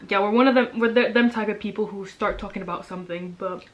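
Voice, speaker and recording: This young adult woman, a vlogger and older sister, talks fast at a medium pitch while she eats. Her chat is casual and rambling, heavy on fillers like "um," "like," and "kind of."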